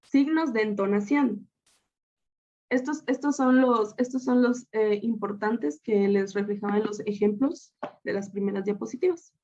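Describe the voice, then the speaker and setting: A woman from Guatemala teaches a recorded lesson over slides, her voice set a little high. She explains step by step, often pausing on fillers and restarting her sentences. The audio is slightly dull and lo-fi. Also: mellow. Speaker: student teacher.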